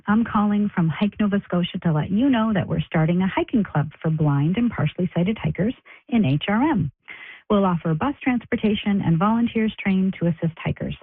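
A woman's voice: medium pitch, breathy edge, dry recording. A woman calling in over a landline phone, reading a prepared announcement as a caller. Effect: heard over a landline phone. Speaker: caller leaving a recorded announcement. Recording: tinny dry phone line.

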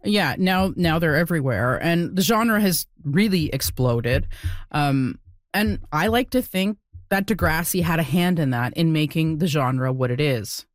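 A woman's voice: low voice, animated, unhurried, no room sound, clean studio sound. A woman hosting a podcast interview, talking casually with many fillers. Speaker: podcast host.

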